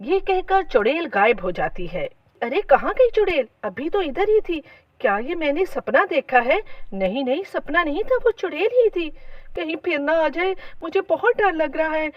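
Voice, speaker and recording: A woman's voice: high voice, big pitch swings, normal speed, no room sound, distant mic, dull audio. A woman voicing a scheming, bossy older mother-in-law in a cartoon story, with a scolding manner. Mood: frightened.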